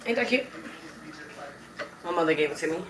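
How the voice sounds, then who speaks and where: A woman hosts a cooking livestream from her home kitchen, chatting with viewers through a tablet sitting close on the counter and greeting them by name. Her raspy, fairly low voice is expressive and drawling at a moderate pace. The background is noisy.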